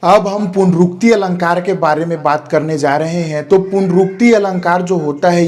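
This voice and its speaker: A man with a somewhat high voice gives a patient grammar lesson. He explains each term step by step, repeats key words, and asks rhetorical questions before answering them himself. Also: darkish tone. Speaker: Hindi grammar teacher.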